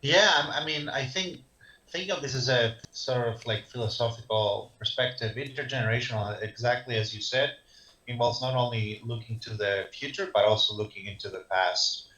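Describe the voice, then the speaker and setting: A man's voice: mid-range voice, moderate pace, bright, forceful tone. A man in his thirties, originally from Greece, answering interview questions over a video call, hesitant with many ums and restarts. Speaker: guest, social psychologist. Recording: dull lo-fi call audio.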